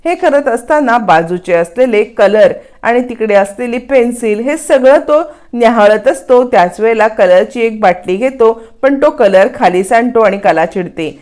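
A woman narrating a recap of a TV serial episode as a lively story, voicing the characters' quotes. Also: a little high, moderate pace, few pauses. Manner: lively retelling with voiced quotes.

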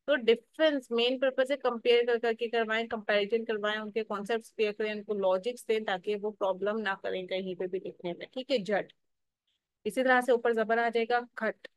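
A woman's voice: fairly high pitch, no room sound, low-quality recording. Female phonics teacher, Pakistani Urdu accent, explanatory, stretches syllables, dry close sound. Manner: explanatory, checks in with "theek hai" often. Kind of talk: teacher-training lesson.

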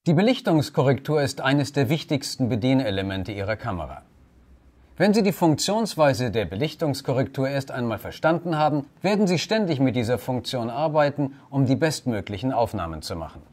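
A man's voice: medium pitch, darkish tone. A man narrating a scripted camera tutorial, giving formal, polite step-by-step instructions. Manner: formal, addresses listener politely.

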